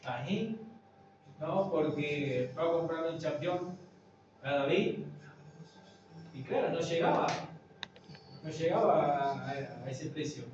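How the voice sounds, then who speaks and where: Older male pastor, conversational sermon, slightly high voice, distant mic in a boomy room. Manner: conversational preaching, frequent tag questions to the congregation. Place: congregation's meeting room. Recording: very echoey room, distant mic, dull, noisy.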